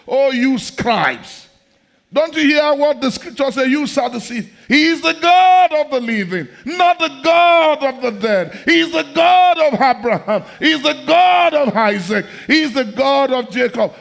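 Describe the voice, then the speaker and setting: High-pitched gravelly male preacher. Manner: fervent, repetitive, often breaking into shouts. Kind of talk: sermon. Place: large church hall, seated on stage.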